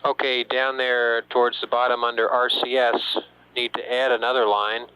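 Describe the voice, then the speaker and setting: A man's voice: medium pitch, level tone, normal speed, pushed and bright, smooth, dry recording, low-quality recording. A man at mission control giving businesslike, technical instructions over space radio as capsule communicator. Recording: hissy space-to-ground radio.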